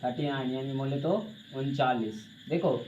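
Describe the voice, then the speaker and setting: A man's voice: medium pitch, steady tone, moderate pace, darkish tone. A male teacher giving a classroom grammar lesson, asking questions and answering them himself to drill the students, and addressing them as "babu". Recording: dull lo-fi classroom recording with faint hiss.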